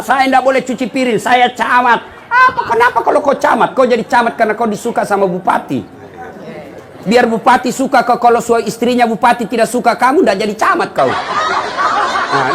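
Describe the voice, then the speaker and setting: A male Islamic preacher giving a humorous sermon to a congregation, telling animated stories and turning to the audience with joking asides. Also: high voice.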